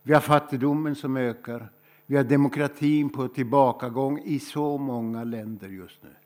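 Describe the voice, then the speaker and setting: A man's voice: medium pitch, a little mellow. Reflective Swedish man preaching. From Sweden. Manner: slow, reflective storytelling with emphatic pauses. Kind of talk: sermon.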